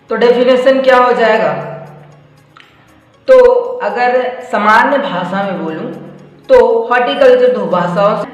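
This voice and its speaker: Man teaching in a very echoey room. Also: very high-pitched. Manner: explanatory, repeats "theek hai" and asks rhetorical questions. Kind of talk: live online exam-prep lecture. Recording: very echoey room with long reverb and faint music.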